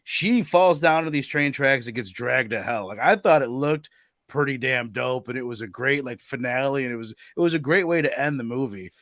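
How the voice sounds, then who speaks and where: A young man hosting a casual horror movie review podcast, animated and often acting out lines from the film. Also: mid-range voice, moderate pace, no room sound, clean studio sound. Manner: animated, acts out movie lines in exaggerated voices. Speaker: podcast host.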